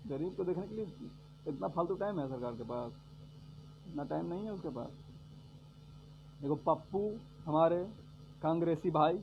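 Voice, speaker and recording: A man delivers a sarcastic political rant, hammering the same points over and over. His voice sits a little high, and he swings from loud jabs to low mutters. The recording is dull and lo-fi, with a faint hum underneath. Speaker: vlogger giving political commentary.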